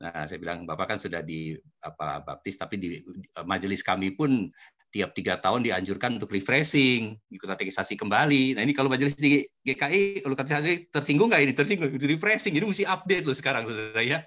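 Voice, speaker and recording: The older pastor talks fast in a mid-range, somewhat bright voice. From Indonesia, he instructs a church study group through personal storytelling, regularly addressing those listening as "Saudara."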